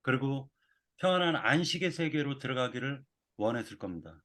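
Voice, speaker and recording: A man delivering a sermon in a measured, reflective way. He often pauses and circles back to rephrase himself. His voice sits at an ordinary middle pitch for a man. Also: expressive, a bit bright. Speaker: preacher.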